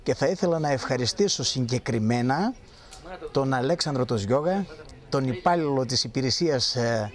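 Mid-pitched man, formal spokesman. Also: animated. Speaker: local association president. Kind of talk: formal thank-you statement to news camera. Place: outdoor street market. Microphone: handheld press microphones.

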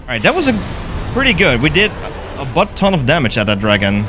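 Music plays behind this young Dutch-accented streamer, whose voice sits on the high side and moves fairly quickly. Playing a game live in an indoor gaming room, he gets excited, swears freely, and reads chat aloud as he talks with viewers.

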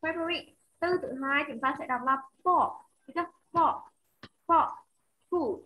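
Slow, bright-voiced Vietnamese woman teacher. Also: sits high, a little hiss or hum, rough recording. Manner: slow, clear word-by-word modelling for children. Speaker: English teacher. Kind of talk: online English lesson, modelling words. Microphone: computer mic on a video call.

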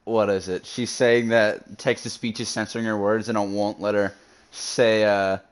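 A man's voice: fairly low pitch, little pitch movement, moderate pace, smooth. Joking man chatting while gaming. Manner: joking, laughs often, crude. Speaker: streamer. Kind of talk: casual gaming chat.

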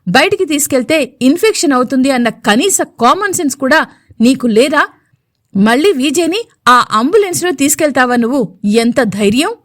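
A woman voicing a hostile, indignant female relative who shouts accusations in an audio story. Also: high-pitched, expressive, moderate pace, no room sound, clean studio sound.

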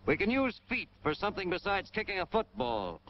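A hard-boiled American narrator punches through a 1940s military training film with emphatic delivery. His high-pitched voice is sing-song and fairly quick, heard on a dull, noisy 1940s soundtrack.

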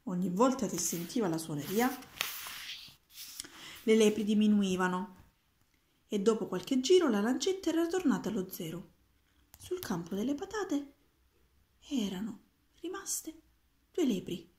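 A woman reads a children's book aloud, steady and gentle. Her voice is mellow and warm. The roomy space adds a clear echo to the recording. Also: medium pitch, a little slow, pauses often. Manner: steady, gentle storybook reading. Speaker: reader. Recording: roomy echoing room.

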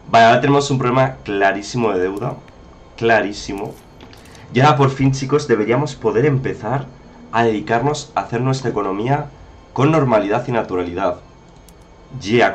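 A man's voice: on the low side, slight background noise. A man giving chatty, casual commentary over a strategy game, often exclaiming and talking to viewers. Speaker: gameplay commentator.

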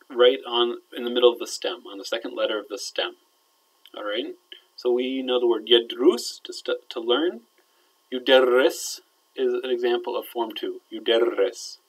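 An Arabic teacher gives a recorded grammar lecture, explaining things to his students in a conversational way. His voice sits at an ordinary middle pitch, and he often checks they're following while his phrases fade quietly. The audio is poor.

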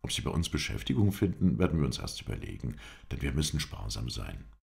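A man voicing a calm, firm male traveller who questions people in a curt, businesslike way. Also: very deep voice, a little fast, creaky, full character voice.

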